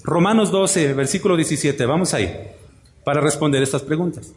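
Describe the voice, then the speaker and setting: Man, pastor, animated sermon, rhetorical questions, higher voice, echoey room. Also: a little fast. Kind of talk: sermon to women of the church. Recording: echoey hall.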